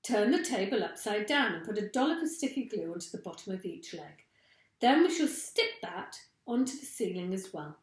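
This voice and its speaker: Woman putting on an excitable, bossy monkey dad, echoey. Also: medium pitch, moderate pace, natural voice. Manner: barks shouted orders. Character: excitable bossy male monkey father, frantic and gleeful. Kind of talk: children's storybook character voice. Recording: echoey room.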